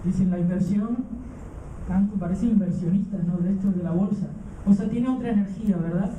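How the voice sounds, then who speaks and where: A man's voice: sits high, mellow, slight background noise. A man raised in Venezuela giving a live conference talk, hesitant with many fillers and restarts. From Canary Islands, raised in Venezuela. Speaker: conference speaker. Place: conference hall. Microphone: handheld mic held away from the mouth. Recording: roomy hall, distant mic, dull sound.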